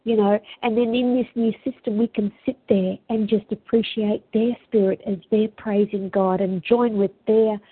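A woman's voice: medium pitch, fairly even intonation, moderate pace, hardly any pauses, husky, dry recording. A narrow, phone-like recording carries an Australian woman in casual, heartfelt conversation. She talks in an earthy, colloquial Aussie bush manner, earnest and reflective. The sound is close and dry, with hardly any room to it. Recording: tinny phone-line sound.

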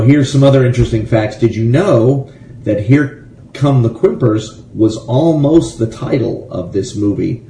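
Hosting a casual radio show, an American musician from Gainesville, Florida reads trivia and wanders into rambling jokes. His voice is fairly low, gravelly and dark-toned, heard in an echoey room with faint background noise.

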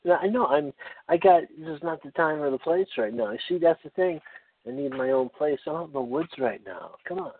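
A man rambling through a humorous casual chat, wry and halting, often cutting himself off mid-thought. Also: a little high, expressive, phone-quality sound, a little hiss or hum. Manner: halting, self-interrupting, wry.

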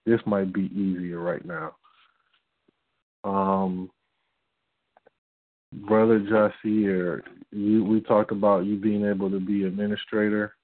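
Slow-talking man over a tinny phone line. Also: on the low side, little pitch movement, dry recording. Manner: hesitant, full of fillers and restarts. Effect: heard over a phone line.

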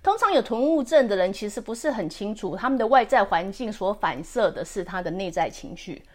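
A woman in her forties talks through advice on her podcast in a relaxed, chatty way. Her voice sits at an ordinary middle pitch, and she mixes English words into her sentences. She keeps checking that the listener is following. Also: fairly quick. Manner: chatty, often asks the listener "you know?" and drops in English words. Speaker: podcast host. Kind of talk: casual advice talk.

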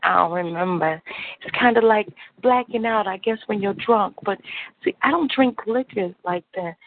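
A woman who is high on weed, talking in a languid, drifting stoner manner in a relaxed personal monologue. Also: moderate pace. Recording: thin, narrow phone line.

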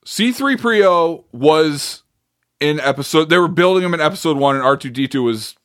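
A man's voice: on the high side, normal speed. A man co-hosting a podcast, arguing his side in a casual debate chat and swearing freely. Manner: animated, argumentative, swears casually. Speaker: podcast co-host.

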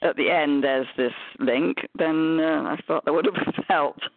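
Chatty man on a community call, slightly higher voice, dry and tinny phone sound. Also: unhurried, no echo. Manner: rambling, chatty. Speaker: call participant. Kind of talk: casual group call chat.

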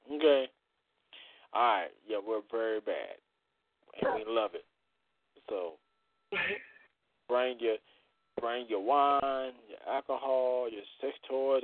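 A man with a Southern US accent hosting a raunchy late-night call-in show, talking loudly and joking. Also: medium pitch, no echo. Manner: loud, joking, laughs a lot. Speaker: radio show host. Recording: tinny phone-like sound.

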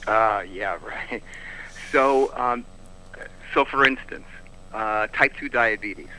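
A man's voice: on the low side, takes it slowly, noisy background. A man joining a broadcast as a guest health expert, explaining earnestly. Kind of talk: interview answers by phone.

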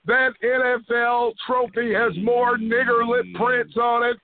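A man's voice: very high-pitched, monotone, a little slow. A man in a rowdy group phone chat, crude, taunting and repeating himself. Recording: tinny narrowband phone line.

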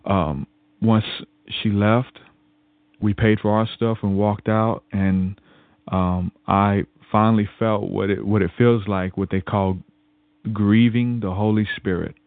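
Low-voiced man on a tinny line. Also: steady tone, slow pace, dry recording. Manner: rambling, repeats words and restarts often. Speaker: podcast guest. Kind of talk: casual spoken testimony.

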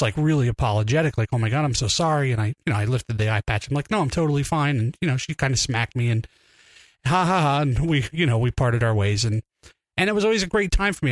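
A man hosting a podcast, telling a long, rambling story at an ordinary pitch. He pokes fun at himself and sounds choked up. The voice is close and dry, with no room sound. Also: dry recording. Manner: rambling, self-deprecating, emotional. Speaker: podcast co-host. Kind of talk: casual storytelling.

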